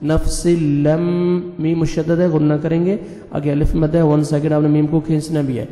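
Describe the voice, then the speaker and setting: Man, Quran teacher, slow spelled-out recitation, slightly high, very dark voice, long echo. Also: little pitch movement. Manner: spells letters and vowel marks one by one, then chants the word slowly. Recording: echoey room with long reverb.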